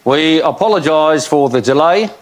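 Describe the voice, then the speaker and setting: A man doing a mock train station announcement in a flat official tone, as a comedian on a panel show. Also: on the high side, normal speed, voice pushed down, close to an everyday voice. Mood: deadpan. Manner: deadpan mock public announcement. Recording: loud studio audience noise. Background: audience laughter.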